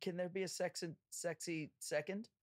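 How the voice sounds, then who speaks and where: A woman's voice: lowish voice, fairly even intonation, normal speed, darkish tone, dry recording, clean studio sound. A woman player in a tabletop game who jokes and trips over her words. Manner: joking, stumbling over words. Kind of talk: casual tabletop role-play chat.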